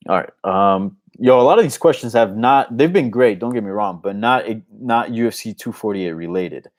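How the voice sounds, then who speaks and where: A Colombian man whose first language is Spanish hosts an MMA live Q&A show, keeping it casual, unscripted and conversational. His voice is lowish and animated, at normal speed.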